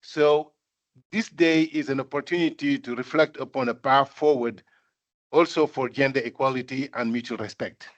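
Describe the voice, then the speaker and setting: Older man from Senegal giving a measured speech. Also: mid-range voice. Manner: measured, repetitive emphasis with many fillers. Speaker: guest speaker. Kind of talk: corporate event speech. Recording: dull lo-fi sound.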